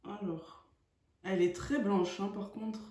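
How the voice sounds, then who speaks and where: A woman's voice: mid-range voice, fairly even intonation, measured pace, mellow. A woman chatting through a makeup tutorial, hesitant and full of fillers. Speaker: beauty vlogger. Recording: echoey room.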